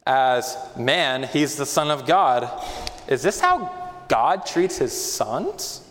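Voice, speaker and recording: A man's voice: medium pitch, very animated, slow, fairly bright tone. A male pastor in his thirties giving a sermon in a conversational way, with self-deprecating personal asides. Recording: long reverb of a large hall.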